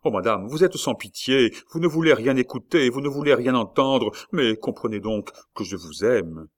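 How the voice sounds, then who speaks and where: A man's voice: on the low side, fairly even intonation, normal speed, lightly acted. A man reading aloud, voicing a wounded young nobleman who speaks fervently and pleads with passion. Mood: pleading.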